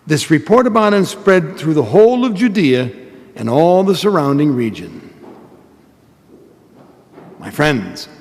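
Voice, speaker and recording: Male priest, somewhat high voice, chatty homily with self-deprecating humor, long church reverb. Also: big pitch swings, a little slow, long pauses, darkish tone. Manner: conversational storytelling with self-mocking humor. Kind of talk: gospel reading and homily at Mass.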